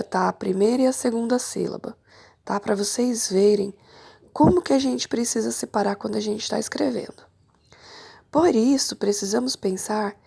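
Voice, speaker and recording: A woman from Brazil, a primary school teacher, giving a slow and patient remote lesson to children and stretching out key words. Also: a little high, creaky, darkish tone, husky.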